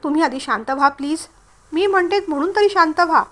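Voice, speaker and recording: A woman reading the part of a sensible, polite young woman who pleads gently, in a storybook reading. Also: sits high, a little fast. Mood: pleading.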